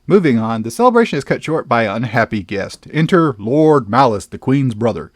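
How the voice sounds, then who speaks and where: A man hosts a comedic film review in a sarcastic, exclamatory way, his voice sitting at a middling pitch. The sound is dry and close. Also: sing-song, fast talker, no room sound.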